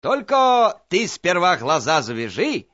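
A man's voice: high voice, huge pitch swings, fairly bright tone, highs cut off, pitched above the performer's own voice, full character voice. A man voicing a cunning, cocky young soldier in a folk tale, speaking in a sly, teasing way. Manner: sly, teasing, quick-witted.

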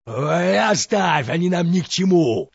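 A man voicing a boastful, clumsy male serpent-dragon in a folk tale, with a raspy, gravelly voice and a slow drawl. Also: high voice, animated, dry recording, highs cut off, pitched above the performer's own voice, heavily acted. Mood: grumbling.

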